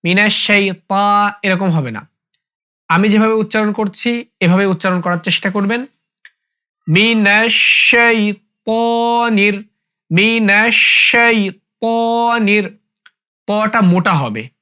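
A man with a Bangladeshi Bengali accent teaching Quran pronunciation, patiently repeating each word slowly and chanting the Arabic lines for learners to follow. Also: high-pitched, fairly bright tone, highs cut off. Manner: patient, drawn-out repetition with sung Arabic recitation. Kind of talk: slow recitation lesson, repeating words for learners.

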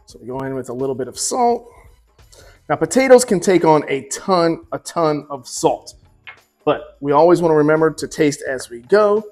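A man in his forties runs a laid-back cooking demo from his own kitchen, talking in a slightly high voice at normal speed. He's chatty and easygoing, with occasional remarks aimed at the viewer, all over soft background music.

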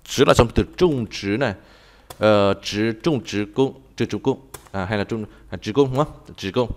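A man teaching a live online language class, talking haltingly and repeating words as he types and explains. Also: medium pitch, darkish tone, slight background noise. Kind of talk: live online tutoring session.

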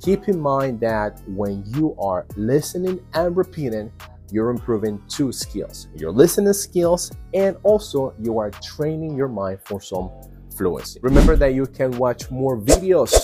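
A man's voice: medium pitch, sing-song, unhurried, warm tone, soft background music. A middle-aged man hosting an English lesson to camera from a porch, speaking in an emphatic, instructional way. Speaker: English teacher, host. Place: covered porch outdoors.

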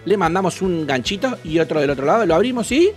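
A man's voice: high voice, very animated, fast talker, over loud music. Crude, mocking Argentine man reacting. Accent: Argentine Rioplatense. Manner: crude, mocking, swings from shouts to mutters. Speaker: reaction video host. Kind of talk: casual reaction commentary.

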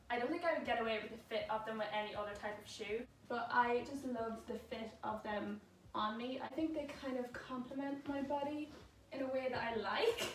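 A woman's voice: fairly high pitch, recorded from a distance. Chatty young woman in an echoey room. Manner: chatty, frequent "like" fillers. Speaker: fashion vlogger. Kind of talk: casual try-on haul chat. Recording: roomy echo, voice away from mic, faint noise.

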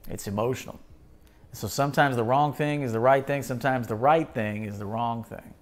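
In a small indoor studio, a man in his thirties hosts a live stream, speaking at a brisk pace in a mid-range voice. He reads viewer comments and answers them casually, keeping things laid-back and calling out viewers by name.

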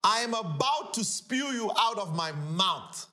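A middle-aged man, a pastor, teaching scripture on a talk show in an animated, emphatic way, repeating key phrases. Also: high-pitched, a little slow. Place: living-room studio set, indoors.

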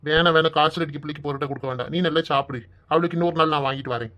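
A woman doing a low-voiced cartoon village father, kind and joking. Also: fairly even intonation, very fast, fairly bright tone. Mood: tender. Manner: soothing, fatherly advice and comic storytelling. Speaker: father figure. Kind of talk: Tamil cartoon voice acting.

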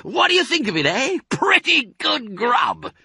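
A man's voice: on the high side, huge pitch swings, moderate pace, bright, forceful tone, breathy edge, dry recording, clean studio sound, voice pushed up, heavily acted. A man voicing a proud, bossy, exuberant father fox in a storybook, speaking theatrically and with relish. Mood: gleeful. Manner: theatrical, exclamatory, relishing words.

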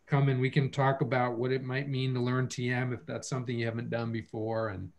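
A man hosts a relaxed online session, speaking in a mid-range voice over a video call. He talks conversationally and works his thoughts out aloud, sometimes restarting a phrase. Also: medium pitch, a little fast. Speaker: host of an online family-studies program. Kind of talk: casual webinar talk.

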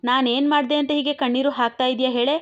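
A woman's voice: high voice, flat delivery, quick pace, natural voice. A woman voicing a brash, teasing young man in a romantic audio story, mocking and bantering. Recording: dull lo-fi recording.

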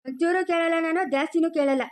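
A headstrong young village lad, voiced by a woman in a family skit. He talks with a rural Chikkaballapur Kannada accent in a high, quick voice. He scolds and insists without letting up. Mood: insistent. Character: stubborn young village man.

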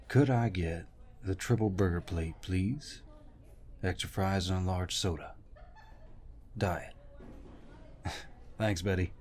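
A male actor voices a gruff, protective older war veteran in an intimate audio roleplay. His deep, slightly mellow voice sounds tender and teasing, with a playful, affectionate mood.

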